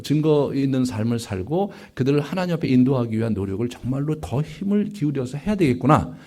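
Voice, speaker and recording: A man preaching a Bible lecture as a pastor, animated and full of rhetorical asides. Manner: animated, rising and falling sharply in pitch and loudness, rhetorical "예?" asides.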